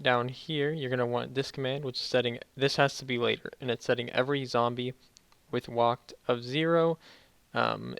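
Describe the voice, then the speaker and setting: A young man giving a casual, halting game tutorial, speaking slightly muffled and carefully, as if sore after dental work. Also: medium pitch, gravelly, fairly bright tone, clean tone, no room sound. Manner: halting, self-correcting explanations. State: sore mouth after wisdom teeth removal, slightly muffled careful speech. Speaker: tutorial video host.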